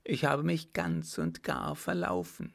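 A man's voice: a little high, lively intonation, measured pace, gravelly, voice pushed up, full character voice. A man voicing a pouting young French lady. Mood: frightened. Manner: pouting, plaintive. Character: spirited young French lady, lost in woods.

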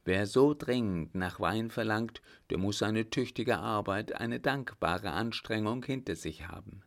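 A man's voice: fairly low pitch, a little slow. A man voicing a scheming, sly baron who coaxes his accomplice with lurking eagerness. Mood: sly coaxing. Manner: sly, coaxing.

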